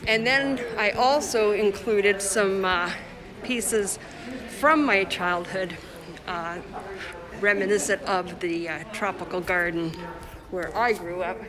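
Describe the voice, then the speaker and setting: On a handheld phone livestream, a Congolese artist takes viewers on a chatty walk through her exhibition at a crowded indoor gallery opening, with crowd talk behind her. She speaks slowly in a mid-range voice, and the recording quality is low.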